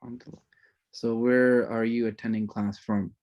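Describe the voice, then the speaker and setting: A man's voice: fairly low pitch, flat delivery, moderate pace, darkish tone. Chatty man greeting an online class. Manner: chatty, rambling, sprinkles religious phrases. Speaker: course instructor.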